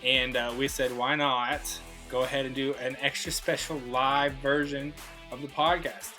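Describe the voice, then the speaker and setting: A man's voice: mid-range voice, little pitch movement, measured pace, bright, forceful tone, soft background music, poor audio. A young man hosting a casual podcast in a shared room, telling stories with lots of fillers. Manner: rambling storyteller, many fillers. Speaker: podcast host. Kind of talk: casual chat. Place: room, recording with cohosts.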